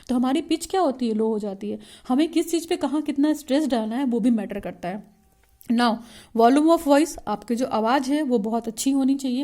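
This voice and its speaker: Woman teacher, fairly high and mellow voice, steady online lecture with frequent check-ins.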